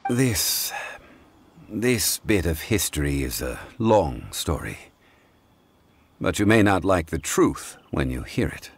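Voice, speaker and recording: Deep, courteous scholarly gentleman. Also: big pitch swings, slight background noise, heavily acted. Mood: measured, gracious. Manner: formal, measured, scholarly. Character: calm, erudite, courteous funeral parlor consultant man. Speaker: game character voice actor. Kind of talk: scripted game dialogue. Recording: music behind the voice.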